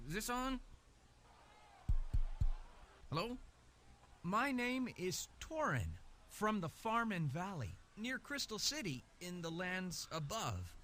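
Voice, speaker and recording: An earnest young male adventurer from an adventure game, polite at heart but quick to rattle off grievances. His voice sits high and bright. It swings with plenty of lift. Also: slight background noise, full character voice. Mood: declaiming. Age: young adult. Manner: polite, then fired-up and listing insults. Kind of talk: game voice acting.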